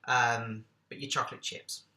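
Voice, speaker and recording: A man's voice: medium pitch, steady tone, normal speed, roomy sound, very noisy. A man hosting a casual cooking vlog, chatting along with jokey, self-deprecating asides.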